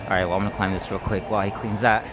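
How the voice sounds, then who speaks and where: A man's voice: lowish voice, level tone, very fast, music in the background. A man chatting casually and informally on a live stream while climbing at an indoor gym, thinking aloud in short bursts.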